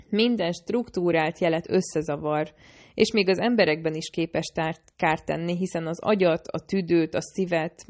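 A woman narrating a novel in the first person, reading in a steady, measured way. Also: fairly low pitch. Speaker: audiobook narrator.

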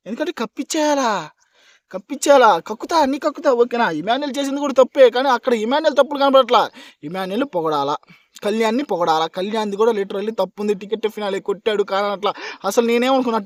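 A man's voice: very high voice, dry recording. A man reviewing a reality show in a heated rant, arguing hard and repeatedly checking that his listeners agree. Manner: combative, keeps asking listeners "okay?"; argumentative, repeats points for emphasis. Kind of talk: heated opinion rant to camera.

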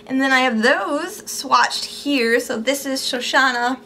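Chatty and upbeat, a young woman films a casual haul video close to the camera in a small home room, taking her time as she raves about products in a high, bright voice. Overuse has made her a bit squeaky, and she seems to be losing her voice. A soft hum of room tone lingers in the background.

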